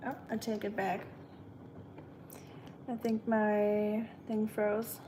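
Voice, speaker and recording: A chatty German woman livestreams from an echoey home kitchen, talking casually and reading live comments as she cooks. Her medium-pitched voice is monotone and slow, friendly, with plenty of fillers while she works. Clattering pots and pans fill the noisy background.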